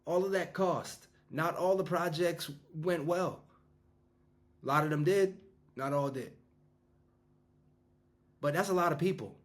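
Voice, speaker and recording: A man's voice: on the high side, unhurried, long pauses. A fifty-year-old man, a business coach talking casually to his audience in a rambling way, full of restarts and fillers. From New York. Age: 50s. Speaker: business coach and school founder.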